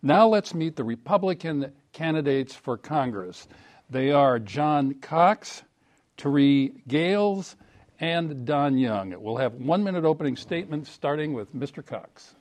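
A man's voice: fairly high pitch, animated, a little slow, darkish tone. A man moderating a political debate in a formal broadcast hosting style.

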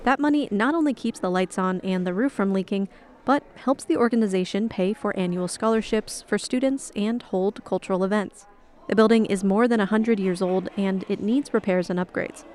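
A woman reporter reading a scripted radio news feature in a narrator's measured storytelling style. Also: mid-range voice, a little mellow.

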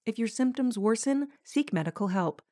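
A woman reads a scripted health announcement. Her voice sits a bit high with a mellow, warm tone, recorded very dry. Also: lively intonation, normal speed, no room sound. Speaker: public service announcer.

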